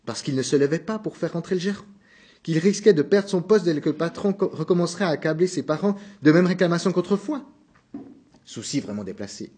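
Male audiobook narrator, husky tone, lively pitch. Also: fairly quick. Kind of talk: audiobook reading of a novel.

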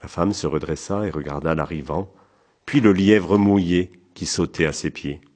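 A man narrating an audiobook in a calm, even, measured way. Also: sits low.

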